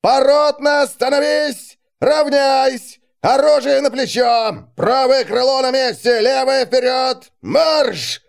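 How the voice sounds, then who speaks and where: A man voicing a stern male officer bellowing drawn-out drill commands. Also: very high voice, vocal fry, voice pushed up, heavily acted. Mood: commanding. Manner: drawn-out parade-ground commands.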